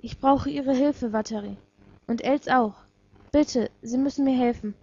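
A tearful nineteen-year-old girl begging for help, her voice high and pleading, read out by a woman in a husky tone. It is recorded on a dull, lo-fi home microphone. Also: unhurried, dark tone, exaggerated voice. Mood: desperate. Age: young adult.

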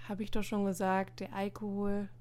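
A woman's voice: mid-range voice, completely flat delivery, normal speed, a little mellow, natural voice. A woman voicing an exasperated teenage schoolboy who answers in annoyed, defensive retorts. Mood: irritated.

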